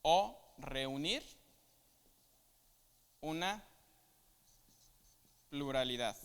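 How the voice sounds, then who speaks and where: A man's voice: a little high, expressive, drawn-out words, clean tone. A man, preaching a Bible lesson, who explains things step by step and keeps checking that his listeners follow. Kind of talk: Bible teaching. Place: church hall. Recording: long hall reverb.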